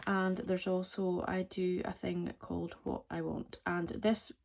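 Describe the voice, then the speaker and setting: Gravelly low-voiced woman chatting. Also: little pitch movement, unhurried, a little mellow. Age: 40s. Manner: chatty and rambling, with playful self-mocking jokes. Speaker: budgeting vlogger. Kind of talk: casual chat. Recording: crinkling packaging noise close to the mic.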